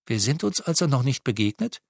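A man's voice: mid-range voice, big pitch swings, brisk, creaky, no room sound, studio quality. A man voicing a blunt, practical young female elf officer who talks in a direct, slightly wary way.

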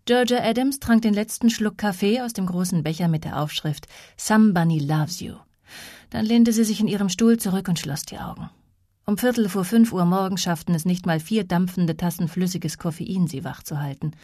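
Woman audiobook reader, lowish voice, dry close recording. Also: a little fast, dark tone, dry recording. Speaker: audiobook narrator. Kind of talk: scripted narration.

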